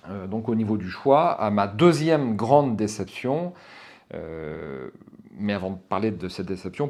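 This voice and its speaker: A man's voice: on the low side, darkish tone. A man hosting his channel, giving a casual spoken review with lots of fillers and restarts, frank and opinionated, muttering curses when he loses his thread. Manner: hesitant, many fillers and restarts, swears under breath when stuck. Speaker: channel host reviewing a gamebook.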